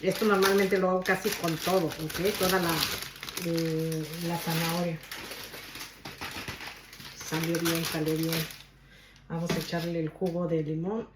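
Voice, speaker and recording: A woman's voice: fairly low pitch, flat delivery, unhurried, pauses often, reverberant, very noisy. A woman from Guadalajara with a Mexican Spanish accent, demonstrating a recipe at home and chatting casually with her viewers. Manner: chatty, stubborn, keeps asking "¿ok?". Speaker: cooking video host. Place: home kitchen.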